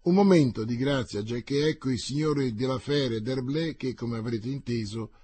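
A man's voice: mid-range voice, dark tone, slightly rough, dry recording. A man voicing a proud, anguished exiled queen who pleads urgently for news.

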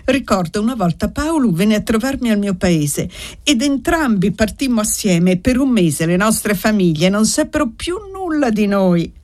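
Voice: medium pitch, expressive, moderate pace, darkish tone, pitched above the performer's own voice, natural voice. A reader voicing a jovial, boastful middle-aged male guest in an audiobook. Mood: reminiscing.

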